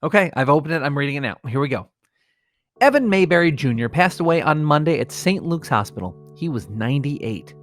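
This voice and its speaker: An American man on a comedy podcast delivers fake obituaries with forced gravity, repeatedly stifling laughter, between bits of casual chat. He talks briskly at a fairly high pitch with lively intonation.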